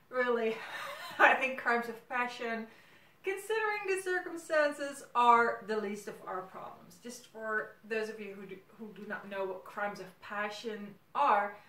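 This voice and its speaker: A middle-aged Dutch woman from the Netherlands, a native speaker hosting a casual video series, thinks aloud hesitantly in a casual monologue to camera. Her voice is fairly high and a bit bright. She's indoors in a small room at home, and the camera sits several feet away, so the sound is roomy and distant.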